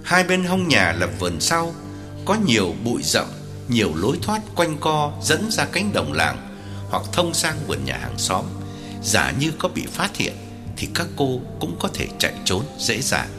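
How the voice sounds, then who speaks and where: A man narrating an audiobook in scripted narration with an expressive delivery. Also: mid-range voice, unhurried, music in the background.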